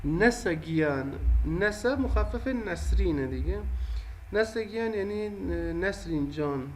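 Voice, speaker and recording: A man's voice: high-pitched, animated, darkish tone, a little hiss or hum. A man teaching a language lesson, patiently repeating and explaining each phrase.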